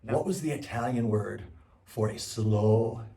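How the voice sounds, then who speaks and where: A man's voice: on the low side, unhurried, creaky, dark tone, echoey room, distant mic, a little hiss or hum. A man teaching a music class and coaxing pupils to repeat words after him. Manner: upbeat, coaxing call-and-response. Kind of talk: follow-along class lesson.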